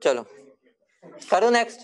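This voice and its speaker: A man teaching a chemistry class, casual and repetitive, often telling students to be quiet. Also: high-pitched, sing-song, a little slow. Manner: chatty, repeats himself, hushes the class. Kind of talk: classroom lecture.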